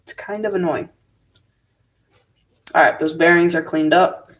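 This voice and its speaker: A man hosting a live stream, talking low-key to himself as he works on a model. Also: steady tone, measured pace, fairly bright tone. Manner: low-key, muttering to himself while working. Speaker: livestream host. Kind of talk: live-stream commentary while working on a model. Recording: voice a bit distant from the mic.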